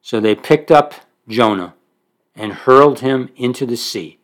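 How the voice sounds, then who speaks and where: A man's voice: mid-range voice, a little slow. A man preaching a sermon, reading verses aloud and then explaining them in plain conversational asides, rising in force on key points. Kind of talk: expository sermon on scripture.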